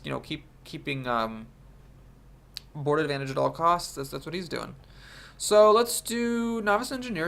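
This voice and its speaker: With vocal fry and a slightly bright sound, a young man pitched on the high side talks through his card game as a streamer. He's congested from a cold and analyzes his plays aloud as he goes.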